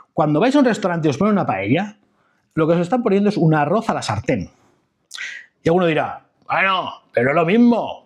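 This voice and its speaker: A middle-aged man from the coast talks through his subject in a loose, rambling monologue. His voice is slightly husky and his pitch leaps around in a lively way. He keeps checking in with tag questions as he goes. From Spain, Catalan-speaking Levante. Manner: digressive, chatty, many fillers and tag questions. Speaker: video host. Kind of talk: casual explanatory monologue.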